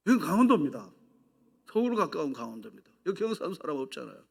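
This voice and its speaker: A male pastor preaching a sermon, shifting between loud exhortation and hushed whispers, asking the congregation questions and leading them in repeating phrases. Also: a little high, big pitch swings, quick pace, creaky, slightly rough. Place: church sanctuary.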